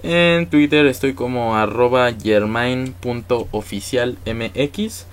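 A man's voice: medium pitch, slow, clear, resonant tone. A man with a Mexican accent, a musician guest in a casual interview, talking in an easygoing, thankful way with lots of fillers. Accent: Mexican Spanish.

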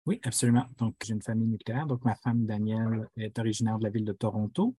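A man's voice: fairly low pitch, little pitch movement, fast talker, dark tone, slightly rough, no room sound. A man in his thirties from Quebec City, chatting as a podcast guest in a friendly way, with hesitations. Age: 30s. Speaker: guest, father. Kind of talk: casual interview answers.

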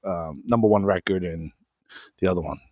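A man co-hosting a music show in casual chat, excitable and quick to react with exclamations. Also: low-pitched, no echo, lo-fi sound. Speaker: podcast co-host.

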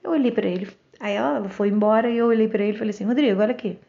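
A woman's voice: medium pitch, rapid-fire, creaky, mellow, highs cut off. A Brazilian woman in her forties, speaking outspokenly and directly in a casual monologue to camera. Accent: Brazilian Portuguese. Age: 40s. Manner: outspoken and direct, acts out quoted voices. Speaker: vlogger.

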